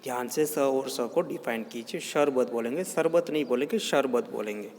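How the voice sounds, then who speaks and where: A man teaching pronunciation who says each word slowly and deliberately, repeating every word three times in a drill. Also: mid-range voice, a little mellow, in a large hall. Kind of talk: slow pronunciation drill, repeating Hindi words.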